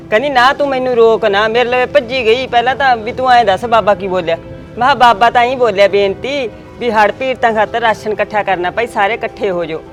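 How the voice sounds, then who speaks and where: A woman's voice: a little high, natural voice. A woman playing a timid young village wife, hesitant and complaining. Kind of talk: village short film acting.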